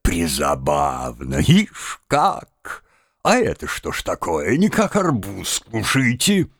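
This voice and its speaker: Guy doing a deep fawning prison boss, slow and gushy, all exclamations. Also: huge pitch swings, vocal fry, dry recording, studio quality, full character voice. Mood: gushing. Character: fussy elderly prison director, gushing and flattering.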